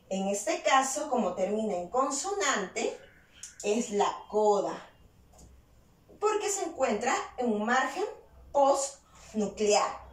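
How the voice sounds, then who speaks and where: A woman teacher giving a virtual class. She explains slowly and deliberately, asking questions and then answering them herself. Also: on the high side, far from the mic. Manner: slow, deliberate explaining with stressed key words. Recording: roomy echo, voice set back from the mic.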